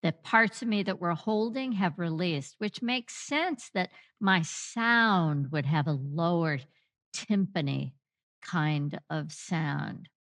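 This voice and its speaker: A woman hosting a reflective podcast conversation, asking gentle, searching questions with long pauses. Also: lowish voice, expressive. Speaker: podcast host.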